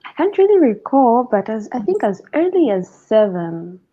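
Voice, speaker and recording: A woman from Zambia, a water engineer, speaking as a guest in a casual online interview, relaxed and friendly. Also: a little high, normal speed. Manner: relaxed and friendly, with easy fillers. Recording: dull lo-fi video call audio.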